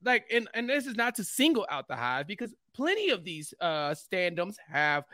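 A man, a guest on a casual podcast, joking and animated as he tells his take. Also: sits high, normal speed, no room sound, clean studio sound. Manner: animated and joking, with dramatic quoted asides.

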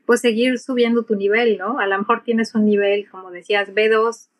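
A middle-aged woman with a Mexican Spanish accent speaks as an interview guest; she's a pilot and aviation English instructor. Her voice sits a little high, with a steady tone and moderate pace, and she answers conversationally, acting out examples to explain things. The audio quality is poor.

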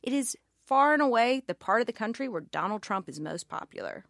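A woman's voice: fairly high pitch, animated, fairly quick, vocal fry, fairly bright tone, no room sound, clean studio sound. A woman with a Southern American accent gives a wry, pointed political commentary as podcast host.

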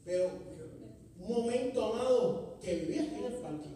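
High-voiced preacher in echoey church. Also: male voice, normal speed. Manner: impassioned, swings between loud exhortation and hushed storytelling. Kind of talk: sermon testimony. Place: church sanctuary. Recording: echoey hall, distant mic.

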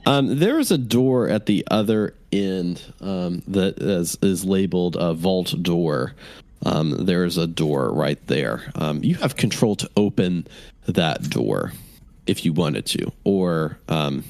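A man's voice: low-pitched, animated, takes it slowly, a little mellow, no room sound. A man narrating as game master of a tabletop game, describing scenes in a rambling way with many fillers.

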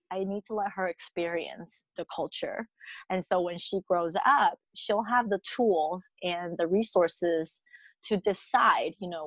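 A woman's voice: mid-range voice, husky, dry recording, low-quality recording. A woman in her thirties with a Taiwanese accent, talking reflectively as an interviewee, with many fillers and restarts. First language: Mandarin. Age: 30s. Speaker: interviewee, mother. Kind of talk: casual interview chat.

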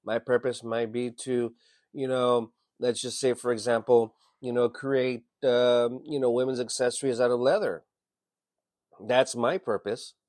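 A man in his fifties rambles through a reflective monologue, circling back with "you know" and casual swearing. His voice sits at an ordinary middle pitch. It is recorded close and dry, with no room sound around it. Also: little pitch movement, measured pace, darkish tone, no room sound. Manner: frequent restarts and repeated words. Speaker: emergency medicine worker.

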